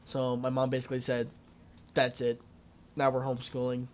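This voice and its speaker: A man's voice: medium pitch, monotone, normal speed, a little mellow. An eighteen-year-old man, a graduating homeschool student, giving casual interview answers in an emphatic, offhand way.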